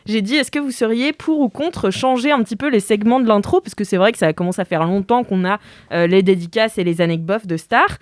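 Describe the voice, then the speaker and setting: A woman hosting a podcast, chatting casually and introducing her guests in a lively way. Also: mid-range voice, fairly quick, no room sound, clean studio sound. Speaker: podcast host.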